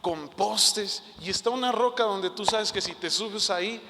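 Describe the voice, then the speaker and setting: Male preacher; high and bright, impassioned and personal, echoing in a reverberant hall. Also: a little slow, background noise. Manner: impassioned, personal preaching with repeated rhetorical questions. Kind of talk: online sermon.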